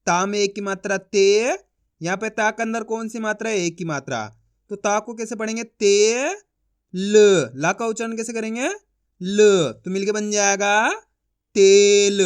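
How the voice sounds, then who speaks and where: A man teaching children to read, sounding out each syllable and then saying the whole word louder, speaking to viewers as friends. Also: high-pitched. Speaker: Hindi reading teacher. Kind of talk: slow phonics lesson.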